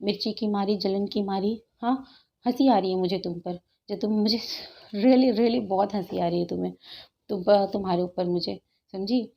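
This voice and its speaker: A woman's voice: medium pitch, normal speed, vocal fry, dull audio. A woman YouTuber in her thirties, scolding and sarcastic in a heated reaction video, repeating her points for emphasis.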